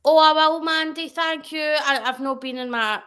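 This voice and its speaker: A woman's voice: sits high, fairly even intonation, moderate pace, sharp tone. A woman chatting casually as a guest on a livestream, rambling and correcting herself as she goes.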